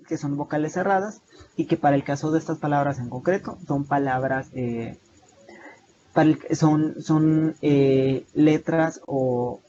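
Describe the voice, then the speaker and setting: Slightly high and mellow, a young man's Salvadoran-accented voice lectures over video call slides as an online tutor. He explains steadily amid frequent hesitations and restarts, and his mic gives a muffled, lo-fi sound with faint noise.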